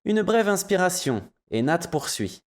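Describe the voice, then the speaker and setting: A man narrating an audiobook in a measured storytelling manner. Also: sits high, big pitch swings.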